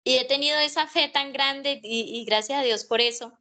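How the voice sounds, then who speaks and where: Bright-voiced woman sharing a testimony. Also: sits high. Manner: halting, restarts often. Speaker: class participant.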